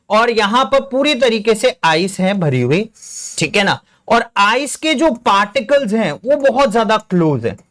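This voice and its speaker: A man's voice: high-pitched, fairly bright tone. A young Indian man teaching a school science lesson, playful and theatrical, acting out film lines and sound effects. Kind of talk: playful classroom lesson with demonstrations.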